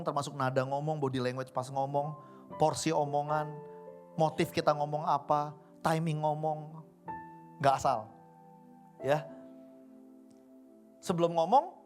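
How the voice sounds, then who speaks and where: A man preaching a conversational sermon, acting out everyday dialogue in different voices. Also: a little high. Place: church service hall. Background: faint keyboard music.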